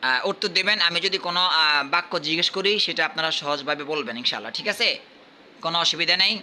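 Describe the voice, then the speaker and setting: A man from Bangladesh teaching at a madrasa, quizzing his pupils and repeating questions while urging them to answer louder. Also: a little high, expressive, quick pace, slight background noise. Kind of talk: classroom quizzing.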